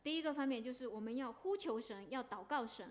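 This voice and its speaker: A woman's voice: high voice, animated, normal speed. A woman interpreting a sermon phrase by phrase, fluent but with fillers.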